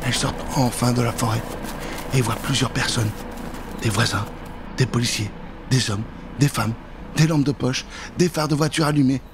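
At a moderate pace and steady tone, a medium-pitched man in his thirties dramatically narrates a suspenseful children's Halloween tale. He uses a studio microphone with a pop filter, and some background noise is audible.

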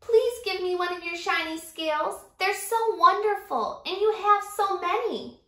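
Woman voicing a little blue storybook fish, timid, pleading, very high, echoey room. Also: measured pace, bright, forceful tone, exaggerated voice. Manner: pleading, eager.

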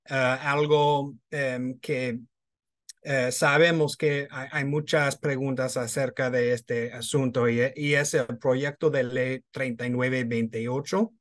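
A middle-aged man, a native English speaker with American-accented Spanish and occasional Madrid pronunciation, presenting haltingly in a webinar on a video call. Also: mid-range voice. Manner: halting, hesitant non-native delivery. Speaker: education agency presenter. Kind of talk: webinar presentation, translating prepared answers.

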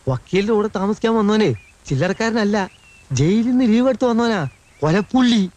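A man's voice: high-pitched, lively intonation, brisk, darkish tone. An actor playing a jittery, gossiping male house servant who fusses and warns nervously in comic film dialogue. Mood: fretful warning. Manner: nervous, fussing and warning.

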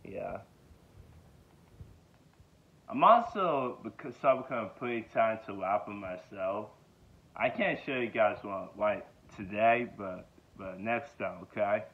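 A Georgia, USA vlogger in his twenties introduces himself casually, rambling along with plenty of fillers and repeated yeahs. His voice is on the low side and expressive, delivered at a measured pace. He films in a small bedroom with his phone held close at arm's length, so the sound comes out tinny and phone-like.

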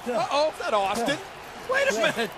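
A man calling a wrestling brawl with excitable, joking play-by-play commentary. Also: extremely high pitch, fairly quick. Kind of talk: sports commentary. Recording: loud noise and crowd behind.

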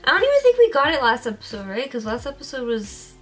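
A young woman hosting a reaction video, chatting casually and excitably and laughing often. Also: high voice, fast talker, soft background music.

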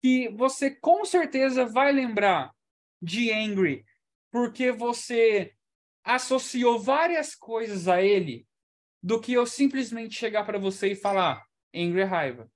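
A man's voice: extremely high pitch, animated, slow pace. A man teaching English in an online class, explaining in a chatty way and checking in often with the students. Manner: chatty, explanatory, ends points with "tá?".

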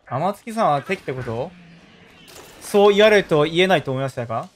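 Excitable high-voiced young man streaming a game. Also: normal speed. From South Korea. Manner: excitable, yelps loudly when in danger. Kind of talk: live gameplay commentary.

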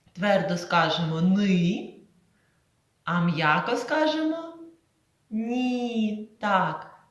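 A woman teacher leads young children through sounds at a very slow pace, with a lively, rising and falling voice. Her pitch sits slightly low. She stretches and overstates each sound for the class to copy, and the room around her is echoey. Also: dull audio. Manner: slow, drawn-out, exaggerated sounds for children to repeat. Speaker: primary school teacher. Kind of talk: reading lesson for young children.

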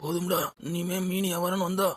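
A man's voice: high-pitched, level tone, brisk, very noisy, close to an everyday voice. A man voicing a meek, harried fish seller who grumbles to himself, with a Tirunelveli Tamil accent. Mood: timid grumbling. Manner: timid, grumbling under his breath.

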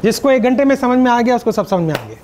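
A middle-aged Indian man with an Indian accent, giving a lively public speaking workshop to a live audience, mixing Hindi and English and joking with the crowd. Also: very high-pitched, quick pace, a little hiss or hum. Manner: energetic, directs the audience, jokes. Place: seminar room with live audience.

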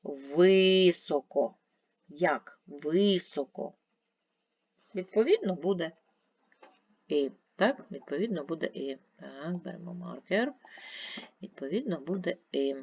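A woman's voice: on the low side, sing-song, measured pace, darkish tone, breathy edge, no room sound, dull audio. A woman teacher giving a video grammar lesson, patiently asking and answering her own questions step by step. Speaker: primary school teacher.

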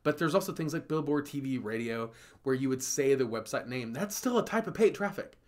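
A man's voice: mid-range voice, expressive, fairly quick, a little mellow. A man in his thirties, a marketing agency host, giving business advice straight to a webcam in a small office, talking conversationally and repeating key points for emphasis. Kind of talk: direct-to-camera business advice.

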